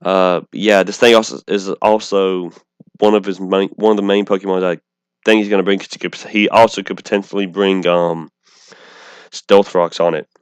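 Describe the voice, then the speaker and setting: A low, smooth male voice in a dry, close-sounding space, talking through game strategy off the cuff. He has a speech impediment, saying w for r, and he rambles with frequent false starts and self-corrections. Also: flat delivery, normal speed, no echo. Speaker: online gamer presenting an opposing team. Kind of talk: casual unscripted game strategy commentary.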